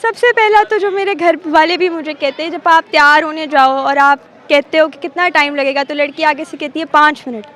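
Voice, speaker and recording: High-pitched chatty eighteen-year-old woman. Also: fairly even intonation, brisk, hardly any pauses, a bit bright. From Pakistan. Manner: chatty, answers at length with light teasing. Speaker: interviewee, pre-medical student. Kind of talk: casual street interview chat. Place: outdoors on a city street.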